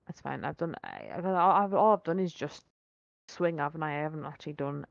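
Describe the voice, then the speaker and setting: Scouse female player, lowish pitch, casual game chat, dry but slightly muffled lo-fi sound. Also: big pitch swings, brisk, vocal fry, dry recording.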